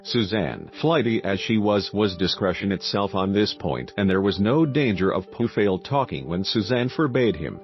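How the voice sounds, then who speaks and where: A man giving a steady, scripted audiobook narration. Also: on the low side. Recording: dull recording with faint music.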